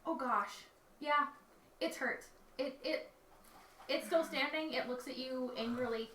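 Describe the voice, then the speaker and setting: High, bright-voiced woman running a tabletop game. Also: a little slow. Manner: chatty, laughs often, self-correcting. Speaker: dungeon master. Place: dining room table with players. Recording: echoey room, mic far off, faint noise.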